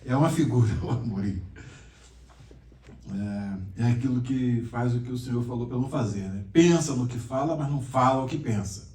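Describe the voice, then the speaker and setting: A man's voice: medium pitch, moderate pace, dark tone. A male pastor teaching a Bible class, reading Hebrew aloud, quizzing his students and joking with them. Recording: roomy classroom echo, mic far off.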